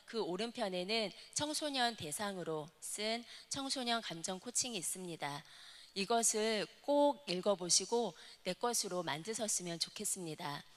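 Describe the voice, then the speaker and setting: A woman's voice: mid-range voice, animated, moderate pace. A woman deacon giving an explanatory talk to a church audience, asking them questions as she goes. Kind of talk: lecture to a congregation. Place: church worship hall. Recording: long hall reverb.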